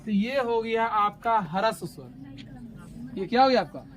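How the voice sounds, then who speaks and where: A woman teacher dictates notes at a very unhurried pace in a fairly high voice. She repeats every phrase and keeps asking the class to echo terms back. Faint traffic hums behind her. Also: lively intonation. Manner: slow, repetitive, asks the class to echo key words back. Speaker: Hindi grammar teacher.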